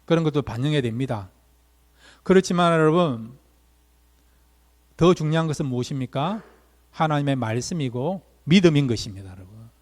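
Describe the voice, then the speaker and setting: A male pastor preaching a Sunday sermon and addressing the congregation with one rhetorical question after another. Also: on the high side. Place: church sanctuary. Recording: long reverb of a church hall.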